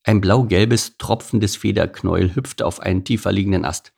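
A man narrating a children's animal story, expressive and playful. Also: sits low, normal speed, creaky. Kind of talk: storybook reading.

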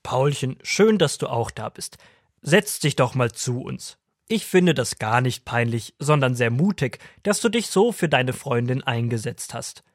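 A man playing a kind, patient old grandfather who tells children stories, gently teasing. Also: medium pitch, lively intonation, a little slow, dry recording, studio quality. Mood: gentle. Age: older. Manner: warm, gently teasing storyteller. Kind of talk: children's audio drama.

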